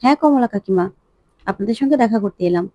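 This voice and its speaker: A woman voicing a cheerful, flattering young man in her own plain voice. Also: a little high, quick pace, dry recording, dull audio, natural voice. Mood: friendly.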